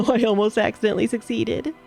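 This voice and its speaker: A woman's voice: on the high side, fairly even intonation, normal speed, gravelly, mellow, soft background music. A woman streamer giving casual let's-play commentary, chatty and giggly, reading dialogue options aloud.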